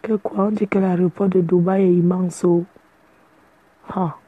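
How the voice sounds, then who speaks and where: A woman's voice: on the low side, little pitch movement, measured pace, breathy edge, dry recording, narrow, tinny audio. A woman chatting casually to her fans in a playful, boastful way. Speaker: social media personality addressing fans. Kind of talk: casual live video chat.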